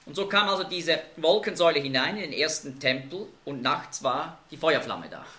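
Bible teacher, male, lively bright voice, echoey room. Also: on the high side, moderate pace. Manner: emphatic, explanatory, asks group questions.

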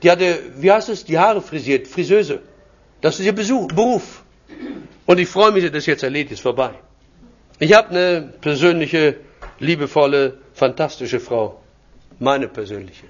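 High-voiced older man preaching with anecdotes. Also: lively intonation, moderate pace. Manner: anecdotal, chuckling storyteller. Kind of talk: personal sermon testimony. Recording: dull lo-fi recording.

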